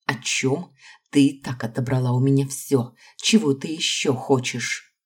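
A woman reading the part of a jealous, furious young woman who hisses through her teeth and breaks into shouts. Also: rumbling low, unhurried, breathy edge, exaggerated voice. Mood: bitter.

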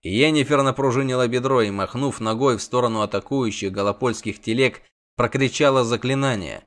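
A man narrates a fantasy audiobook at a medium pitch. He keeps an even, steady storytelling pace. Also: brisk. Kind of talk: scripted narration.

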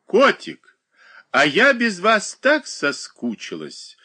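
A man voicing a sentimental, self-pitying woman who coos pet names in a slow, plaintive way. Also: on the low side, sing-song, pushed and bright, slightly rough, exaggerated voice.

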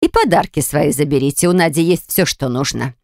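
A narrator voicing a stern, composed elderly great-grandmother who speaks curtly and with authority, in a gravelly, dry voice. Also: mid-range voice, a little fast, no echo, lightly acted. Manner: curt, dry, commanding.

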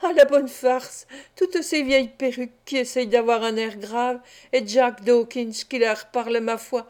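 An excitable young pickpocket, quick to lament his friend's fate and just as quick to brag, as a woman reads him aloud in an audiobook. The voice sits a little high. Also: natural voice. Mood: eager. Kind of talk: audiobook character reading.

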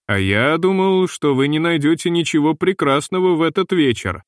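A man reading the part of a young ship captain who asks brisk, impatient questions, in a dry recording. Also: fairly high pitch, animated, no echo, pitched above the performer's own voice, close to an everyday voice. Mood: teasing.

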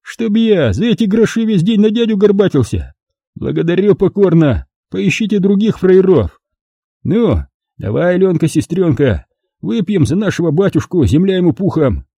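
A man's voice: sits high, sing-song, gravelly, warm tone, breathy edge, dry recording, clean studio sound, pitched above the performer's own voice, exaggerated voice. A man doing a drunken spiteful brother. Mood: drunk, boastful. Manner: slurred, coarse, slow drunken drawl.

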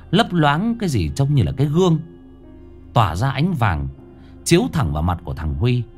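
Lively man telling a ghost story. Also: on the low side.

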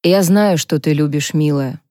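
A gentle older mother, read by a female narrator, speaks in a soothing, caring tone. Her voice sits low for a woman, and it is recorded dry and close. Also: a little slow, no room sound.

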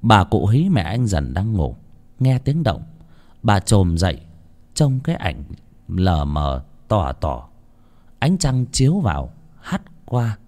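A man's voice: lowish voice, sing-song, slow, darkish tone. A man narrating a ghost story with a dramatic, rising and falling delivery.

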